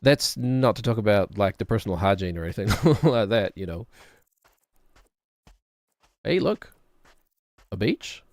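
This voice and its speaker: Middle aged guy streaming a game, lowish voice, dry close sound, wry and rambly. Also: expressive, measured pace, pauses often, darkish tone, no echo. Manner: musing, wry, talks to himself. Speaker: gaming streamer. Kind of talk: casual rambling game commentary.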